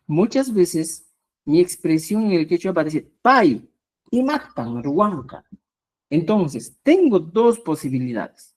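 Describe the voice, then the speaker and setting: A woman teaching a live online language class, explaining slowly and repeating herself, with a constant "¿ya?" to check her students follow. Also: on the low side, big pitch swings, darkish tone, breathy edge. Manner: slow, repetitive explanations with rising emphasis.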